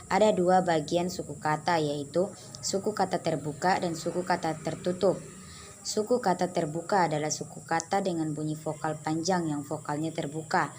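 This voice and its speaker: A young woman presenting a phonology lesson as a student, reading steadily and slowing down on English example words. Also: fairly low pitch, a little mellow, slight background noise.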